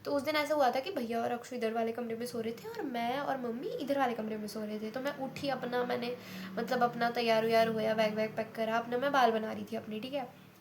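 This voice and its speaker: A woman's voice: a little high, steady tone, brisk, a little hiss or hum. Chatty young woman telling a story. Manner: chatty, repeats herself, many fillers. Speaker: vlogger. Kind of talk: casual storytelling.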